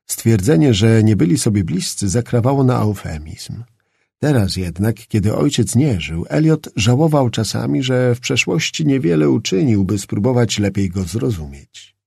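Husky guy reading a novel, dramatic, up and down a lot. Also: mid-range voice, big pitch swings, moderate pace, a little mellow, no room sound, studio quality. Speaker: audiobook narrator. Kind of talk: scripted narration.

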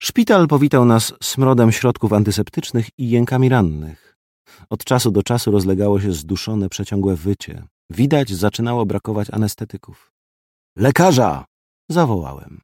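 A man narrates an audiobook in the first person, gruff and terse in manner. His voice sits low and sounds dark and mellow. The recording is dry and close, with no room sound. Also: normal speed, dry recording.

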